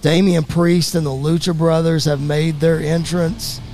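A man calling a fantasy wrestling show as play-by-play commentator, rapid-fire and rising to excited shouts at the big moments. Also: a little high, faint music behind.

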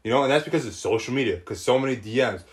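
A man's voice: mid-range voice, animated, rapid-fire. Ranting young man with heavy slang. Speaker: podcast co-host. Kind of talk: casual chat.

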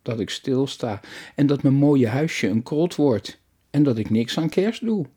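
A man voicing a lonely, grieving old widow who speaks gently and reflectively, in an audiobook story. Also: mid-range voice, expressive, a little slow, husky, voice pushed up. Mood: grateful.

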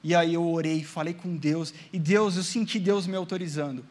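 A man's voice: fairly high pitch, fairly even intonation, moderate pace, darkish tone. A Brazilian man preaching a sermon, telling a personal testimony in a storytelling way and speaking straight to the congregation. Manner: storytelling, acting out his own past prayers and quotes; addresses the congregation directly, asking amen. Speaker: pastor.

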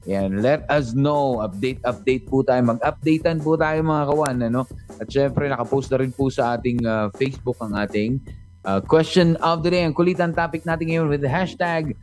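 A man's voice: mid-range voice, moderate pace, darkish tone, soft background music. A man with a Filipino accent hosting a casual morning radio show, joking and teasing his co-host with lots of fillers. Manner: playful, teasing, lots of fillers and code-switching.

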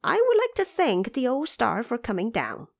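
A woman acts out an eager monkey king from a fantasy storybook. His pitch leaps about with lively swings, and he speaks like a courteous ruler who is used to command. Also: moderate pace, vocal fry, full character voice. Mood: gracious.

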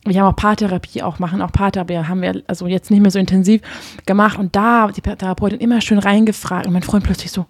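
A woman's voice: mid-range voice, steady tone, fast, hardly any pauses, no echo. A woman talks about her life in an open, heartfelt, chatty way, stumbling and restarting often. Her voice sits in the middle register. It is recorded close and dry, with no room sound. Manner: open, emotional, chatty with frequent fillers. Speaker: podcast guest, couples therapist. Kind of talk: casual heartfelt conversation.

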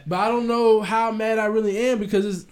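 A man co-hosting a casual podcast chat, animated and profane, acting out quotes of his kids and parents. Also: high voice, brisk. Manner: uses profanity freely. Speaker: podcast co-host.

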